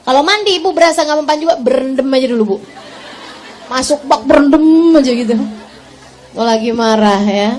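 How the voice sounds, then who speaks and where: High-voiced woman giving a lively sermon. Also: fairly quick. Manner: animated storytelling with rhetorical questions to the audience. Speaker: religious teacher. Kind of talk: sermon to women.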